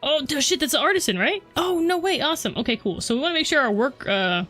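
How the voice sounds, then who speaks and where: A woman's voice: high-pitched, lively intonation, fast, fairly bright tone, faint music behind. Chatty woman narrating her own gameplay. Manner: chatty, self-deprecating, talks to viewers. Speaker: let's play host. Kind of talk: casual gameplay commentary.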